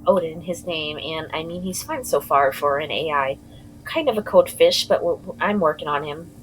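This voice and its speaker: A woman's voice: low-pitched, moderate pace, rough recording. A woman giving casual let's-play commentary on a game. She is chatty, laughs often and reacts aloud as she plays. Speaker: gaming video host.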